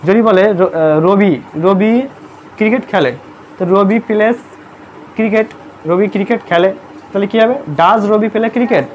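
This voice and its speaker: Brisk classroom grammar teacher, quizzing. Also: mid-range voice, dull audio, slight background noise. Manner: quizzes students constantly, checking "understood?"; spells words letter by letter. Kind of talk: live classroom lesson in Bengali. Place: classroom with pupils present.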